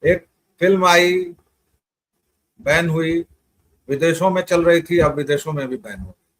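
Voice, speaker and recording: A man hosting a talk show, laying out his points in a measured way. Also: on the high side, fairly bright tone, slight background noise. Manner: measured, building a case. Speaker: host. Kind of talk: political talk show discussion.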